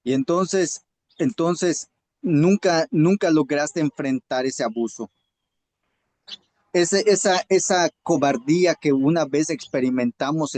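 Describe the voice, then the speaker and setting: A man's voice: a little high, darkish tone, no room sound, rough recording. A man with a Yucatecan Mexican accent giving a motivational talk to a group. He often repeats and restarts words, then rises into emphatic bursts.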